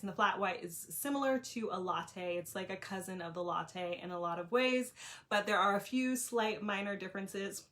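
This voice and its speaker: A young woman chatting to camera with travel tips, filling pauses with frequent ums and restarting her sentences. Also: fairly low pitch, a bit bright. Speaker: travel vlogger. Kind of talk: casual recommendations to camera.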